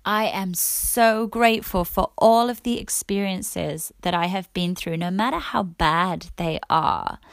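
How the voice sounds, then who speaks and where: A woman's voice: mid-range voice, unhurried, vocal fry, hardly any pauses, dry recording, studio quality. A woman podcast host and coach telling a personal story in a candid, reflective and emotional way.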